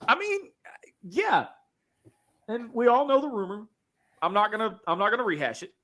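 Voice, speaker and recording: Animated, bright-voiced man hosting a chat. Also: sits high, normal speed. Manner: loose, profane, runs the show. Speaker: podcast host. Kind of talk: casual chat.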